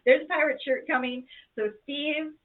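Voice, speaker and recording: A woman from the southern United States co-hosting a casual chat, telling family stories in a lively way and laughing often. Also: sits high, moderate pace. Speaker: co-host. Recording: tinny phone-like sound.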